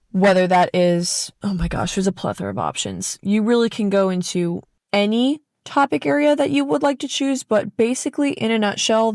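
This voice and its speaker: Young woman, solo podcast host, casual and animated, close mic, dry sound. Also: medium pitch, no echo. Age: young adult. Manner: chatty and animated, with asides and self-corrections.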